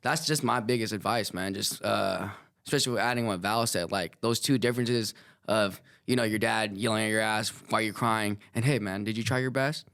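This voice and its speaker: A man's voice: lowish voice, steady tone, fairly quick, creaky, fairly bright tone. A man who coaches youth wrestling, giving earnest advice in a casual podcast chat. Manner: earnest advice, frequent agreeing "yeah".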